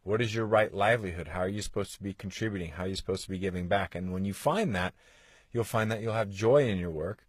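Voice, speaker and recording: A deep-voiced man in his forties hosts a motivational podcast, talking fast and spurring listeners on with earnest rhetorical questions. The recording is completely free of room sound.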